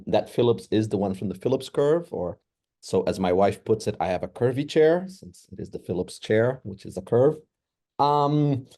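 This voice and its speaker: A middle-aged man from Portugal, an economics professor, explaining in a measured, lecturing way with rhetorical questions. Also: on the low side, dark tone.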